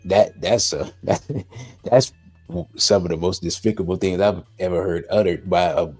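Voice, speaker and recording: A man co-hosting a podcast discussion, reacting in a measured way and pausing to play clips. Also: low voice, fairly even intonation, darkish tone, husky, soft background music. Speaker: podcast co-host. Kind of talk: casual discussion.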